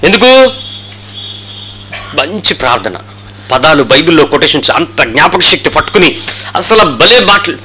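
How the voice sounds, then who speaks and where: Male pastor preaching hard in church, high bright voice that swings all over, keeps asking questions at the crowd. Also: expressive, moderate pace, long pauses, slight background noise, rough recording. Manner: impassioned preaching with rhetorical questions and retold dialogue. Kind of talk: sermon.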